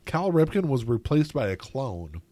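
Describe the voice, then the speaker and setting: A man's voice: mid-range voice, sing-song, moderate pace, mellow. A man hosting a casual chat, rambling with lots of filler words.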